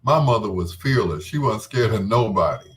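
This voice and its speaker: A middle-aged radio host leads a casual late-night chat, laid-back, folksy and teasing his listeners. His fairly low voice is expressive and paced moderately.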